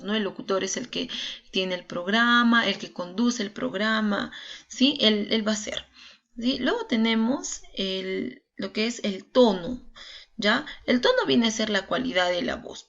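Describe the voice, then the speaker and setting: A woman's voice: medium pitch, fairly bright tone. A woman teacher giving an online class, chatty and full of fillers and tag questions, a little nervous. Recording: dull lo-fi online class audio.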